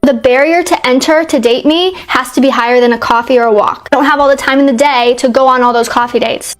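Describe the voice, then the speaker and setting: A woman's voice: high voice, fast. A woman talking in a social media clip, blunt and boastful.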